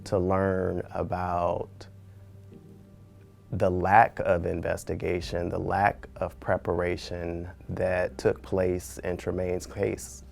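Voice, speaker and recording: Man, deep flat gravelly voice, slow and deliberate. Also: soft background music. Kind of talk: documentary interview.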